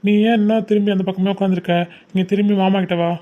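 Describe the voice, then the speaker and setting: A woman voicing a young male uncle, a college student, who gently coaxes his niece. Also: medium pitch, little pitch movement, quick pace, phone-quality sound, lightly acted. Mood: coaxing. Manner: soothing, coaxing, repeats "okay?".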